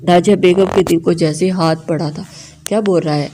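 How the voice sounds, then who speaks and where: A woman reads a dramatic novel aloud in a steady, measured narration. Her voice sits on the low side and sounds warm and mellow. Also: slight background noise. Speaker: novel reader.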